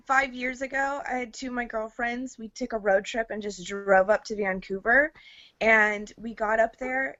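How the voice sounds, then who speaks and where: A woman telling an animated story during a casual group video call, laughing often. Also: medium pitch, no room sound. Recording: dry lo-fi video call audio.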